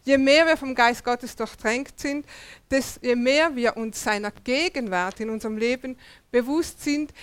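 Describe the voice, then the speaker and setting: A woman's voice: a little high, clear, resonant tone, dry recording. A woman preaching a sermon, asking rhetorical questions and repeating words for emphasis.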